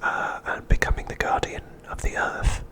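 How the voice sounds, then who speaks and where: A male narrator offers an episode recap ASMR-style. His delivery is deliberate and his whisper is hushed, breathy and unvoiced.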